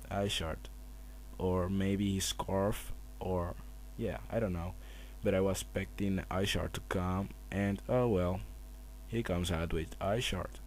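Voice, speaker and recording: Hushed, low-voiced man narrating slowly. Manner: quiet, hushed talking so as not to wake others. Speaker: gamer narrating own battle. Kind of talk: casual game commentary. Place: at home at night, others asleep. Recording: noisy camera mic with hum.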